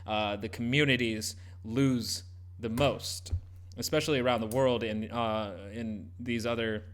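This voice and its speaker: A man with a mid-pitched voice hosts an informal live commentary on politics. He talks haltingly, trailing off and picking his thoughts back up as he goes. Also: steady tone. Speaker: host reacting to a broadcast.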